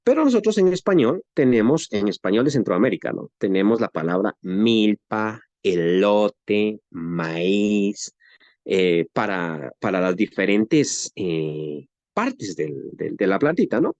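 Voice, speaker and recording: A man's voice: lowish voice, big pitch swings, takes it slowly, a little mellow, no echo, lo-fi sound. A man from Guatemala with a western Guatemalan Spanish accent, teaching a Bible lesson in a conversational way, asking rhetorical questions and often adding "¿no?".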